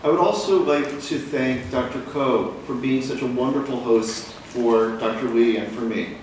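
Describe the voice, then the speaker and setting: A man giving a formal medical lecture in measured short phrases, pausing as if for an interpreter. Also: medium pitch, a little mellow. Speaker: visiting physician lecturer. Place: large echoing room at a talk. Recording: very echoey room, distant mic, faint noise.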